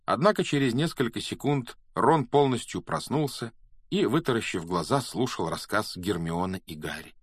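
A man narrates a storybook aloud in a low, steady voice. His reading is measured and even, and the recording is dry and close. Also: husky, no room sound. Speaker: audiobook narrator.

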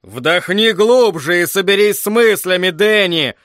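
A man voicing a stern father who serves as a royal butler, speaking slowly and firmly. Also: on the high side, fairly bright tone, no echo, clean studio sound. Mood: urgent, firm.

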